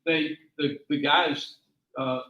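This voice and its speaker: A man's voice: on the high side, steady tone, slow, bright, forceful tone. A man teaching a taekwondo class, giving a repetitive, emphatic motivational talk full of rambling stories. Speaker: taekwondo instructor. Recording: echoey, dull lo-fi room sound.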